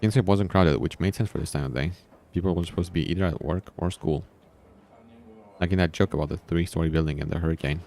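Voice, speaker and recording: Background music plays as a man reads a visual novel at a quick pace in a low-pitched, mellow voice. He stops now and then for informal, casual remarks reacting to what happens.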